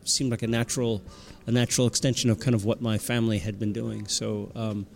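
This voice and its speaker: A man's voice: lowish voice, level tone, normal speed, creaky, faint music behind. A man from the United States answering interview questions, telling his story in a reflective way. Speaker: actor interview guest.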